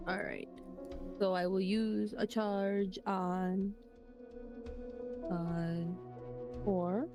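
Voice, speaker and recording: A woman's voice: medium pitch, flat delivery, drawn-out words, pauses often. Female player, casual and amused, music plainly audible. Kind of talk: casual game chat.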